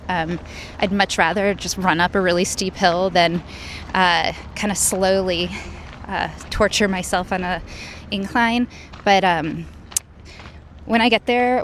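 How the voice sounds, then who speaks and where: A woman vlogger talking casually to camera as she narrates a recap of her run. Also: mid-range voice. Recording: noisy outdoors with traffic and ambience.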